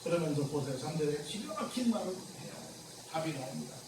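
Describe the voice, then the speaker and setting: Guy pastor w a high voice, chatty sermon full of questions, super echoey church heard from a distance. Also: big pitch swings, quick pace, noisy background. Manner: conversational preaching with many rhetorical questions. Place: church sanctuary. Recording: very echoey church room from afar.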